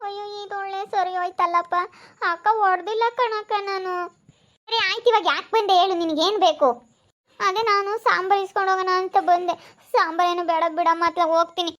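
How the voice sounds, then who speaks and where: A village neighbor woman, played by a woman keeps protesting and pleading in a very high voice. She speaks with a rural central Karnataka accent. The setting is a village comedy skit. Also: steady tone, brisk, a bit bright. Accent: rural central Karnataka Kannada.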